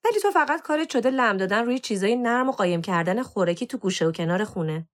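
A woman's voice: mid-range voice, animated, lightly acted. A woman reading a storybook voices a moody, self-conscious teenage girl who whines and pleads. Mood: scolding. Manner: whiny, pleading with her cat.

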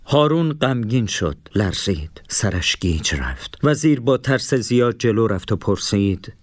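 Male storybook narrator, lowish voice, close dry sound, measured delivery. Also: expressive, no room sound.

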